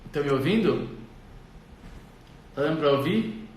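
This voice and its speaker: A man's voice: a little high, animated, moderate pace, slight background noise. A man hosting a live stream, chatting casually and greeting viewers by name in an upbeat way. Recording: echoey room, far from the mic.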